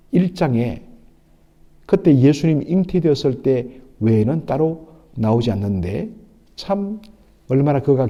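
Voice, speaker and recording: Male pastor, dawn sermon, warm low-toned voice, earnest and measured delivery. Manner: earnest preaching, pausing often, quotes lines with feeling. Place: church.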